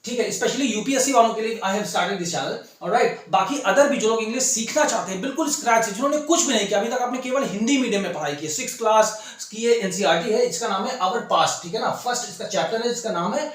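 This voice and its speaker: Man, Indian English accent, English teacher, coaxing check-ins, Hindi native, high voice, strong room echo. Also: fast talker, few pauses. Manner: coaxing, keeps adding "ठीक है ना?". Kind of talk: Hindi-English online lesson. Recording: very echoey room.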